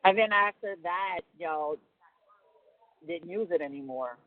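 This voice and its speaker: On a prison phone call, a woman with a fairly low voice talks in a relaxed, colloquial way, wandering from point to point. Her intonation is lively and her pace a little slow, and the tinny telephone audio is narrow-band.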